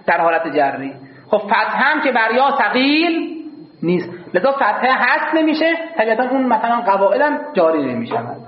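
A man with a very high, lively voice gives a grammar lecture to a class, asking questions and answering them himself. He speaks in formal, courteous phrases and repeats his key points. The recording is dull and lo-fi, with a roomy echo. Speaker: teacher.

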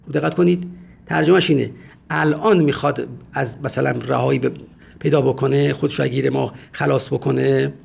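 A man's voice: mid-range voice, steady tone, gravelly, a little mellow, a little hiss or hum. A man giving a religious history lecture, speaking emphatically and often urging listeners to pay close attention. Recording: dull lo-fi recording.

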